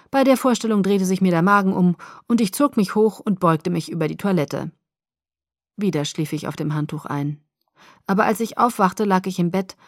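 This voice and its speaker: A woman narrating a first-person novel in a calm, even storytelling voice. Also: fairly low pitch, dry recording, clean studio sound. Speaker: audiobook narrator.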